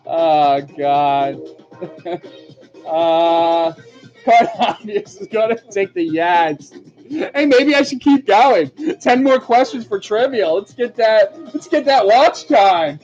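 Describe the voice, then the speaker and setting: A man's voice: sits high, lively intonation, slow pace, darkish tone. A man hosting a livestream trivia show, chatting casually, laughing often and reading out viewers' comments. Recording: dull lo-fi stream audio with faint music.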